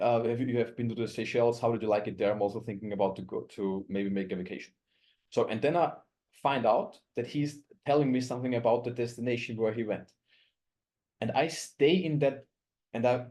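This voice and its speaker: A man's voice: mid-range voice, darkish tone. A man from Austria leading a network marketing coaching call, chatty and full of restarts, acting out quoted dialogue. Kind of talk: coaching talk in a group call.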